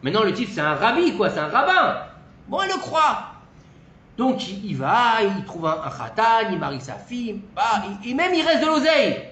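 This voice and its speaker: A man's voice: high-pitched, normal speed. A man teaching Torah through a casual, colloquial story told with animation. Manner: lively, colloquial, animated retelling. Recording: echoey room, faint background noise.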